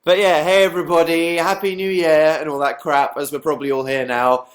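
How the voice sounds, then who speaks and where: Hosting a laid-back stream, this young guy reads comments from viewers aloud and answers them with dry, self-mocking sarcasm. He speaks slightly quickly in a somewhat high voice.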